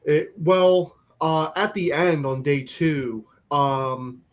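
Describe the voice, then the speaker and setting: A man's voice: a little high, slow pace. A man hosting a casual aftershow chat, rambling with lots of fillers and restarts. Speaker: host.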